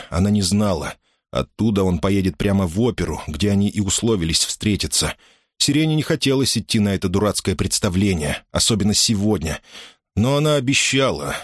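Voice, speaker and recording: A man narrating an audiobook with a lower voice and lively, animated intonation. The reading is dramatic and expressive. The sound is dry and close. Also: slightly rough, no echo.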